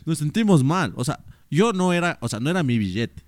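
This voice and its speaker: Young podcast co-host, animated and slangy, dry close sound. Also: male voice, fairly high pitch, brisk, no echo. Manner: animated, slangy, laughing storyteller. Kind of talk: casual chat.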